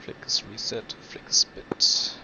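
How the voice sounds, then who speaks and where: A man giving terse, procedural checklist callouts and short radio replies as a flight sim pilot. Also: slow pace. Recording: muffled mic with clear background noise.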